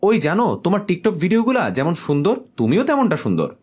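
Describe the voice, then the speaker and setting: Man doing a doting young girlfriend, cooing, high and sing-song, husky edge, storybook. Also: huge pitch swings, fairly quick, darkish tone, exaggerated voice. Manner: cooing, coaxing. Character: sweet-talking young woman, doting girlfriend.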